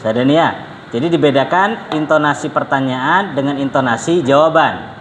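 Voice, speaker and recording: A man's voice: mid-range voice, moderate pace. A man teaching an Arabic lesson to adults in a classroom, patiently drilling phrases and drawing out question intonation. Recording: echoey room with faint background noise.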